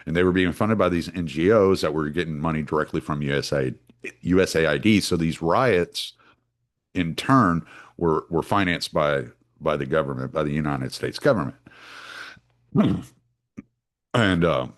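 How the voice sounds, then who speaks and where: A man's voice: rumbling low, normal speed. A man, hosting a solo podcast in a rambling, casual way full of restarts and fillers. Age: 40s. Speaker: podcast host.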